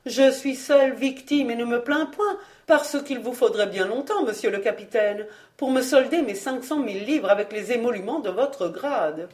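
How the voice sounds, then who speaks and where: A woman's voice: a little high, normal speed, hardly any pauses, a little mellow, close to an everyday voice. A woman voicing a petty, fussy male royal steward who complains in a self-pitying tone. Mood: plaintive grumbling. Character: fretful middle-aged male royal steward, petty and greedy.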